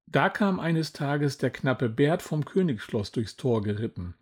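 A man voicing a boastful older male knight and proud father in a children's storybook, grumbling and full of self-praise, with a husky voice. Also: medium pitch, animated, a little slow.

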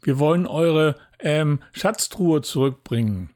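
A man's voice: a little high, lively intonation, slow, a little mellow. A man voicing a boisterous, good-hearted male pirate captain who barks exclamations and commands in a storybook reading. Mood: pleading.

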